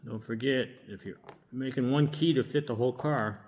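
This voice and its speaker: A man who works as a locksmith, giving a casual hands-on demonstration and thinking aloud in a relaxed, halting way while he works. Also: medium pitch. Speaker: locksmith demonstrating key making.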